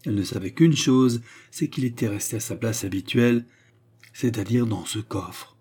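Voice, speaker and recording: A man voicing a composed, politely ironic French gentleman in a storybook reading, with a mellow, husky voice. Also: medium pitch, normal speed. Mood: calm courtesy. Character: calm, courteous French gentleman.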